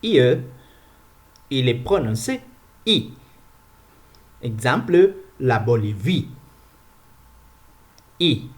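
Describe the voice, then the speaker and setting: Slow, deliberate male pronunciation teacher. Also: mid-range voice, sing-song. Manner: repeats each sound slowly and clearly.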